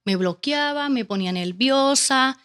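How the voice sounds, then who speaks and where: A woman's voice: high-pitched, expressive, a little slow, fairly bright tone. A woman with a Caribbean Spanish accent telling a personal story casually as an interview guest, animatedly acting out her own questions and remarks. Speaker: interview guest, teacher and educational consultant.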